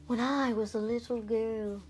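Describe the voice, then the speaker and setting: A woman's voice: fairly high pitch, fairly even intonation, measured pace, darkish tone, a little hiss or hum. A woman hosting a casual podcast, rambling chattily and cutting herself off with giggly asides, recorded on an iPad. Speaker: podcast host recapping books. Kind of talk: casual chat.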